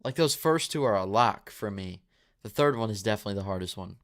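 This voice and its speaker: This movie channel host, a man in his twenties, talks fast and animatedly in a lowish, fairly bright voice. During a live Q&A he reads viewers' questions and answers in a loose, rambling way, with fillers, restarts and a dry mouth.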